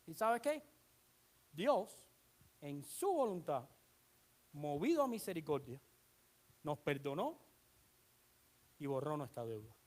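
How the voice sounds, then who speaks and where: Lively, animated preacher. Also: medium pitch, slow, long pauses. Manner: animated, asks the congregation rhetorical questions; retells scripture with dramatic emphasis. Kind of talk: sermon.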